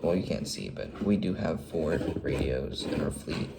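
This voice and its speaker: A man who works as a fleet radio dispatcher gives a casual how-to tutorial, with hesitant pauses and frequent ums. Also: rumbling low, creaky, heavy background noise.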